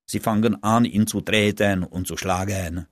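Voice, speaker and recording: A man's voice: lowish voice, steady tone, a little slow, no room sound, studio quality. A man reading an audiobook, voicing a young pub regular telling a joke in a jokey manner. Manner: jokey storytelling.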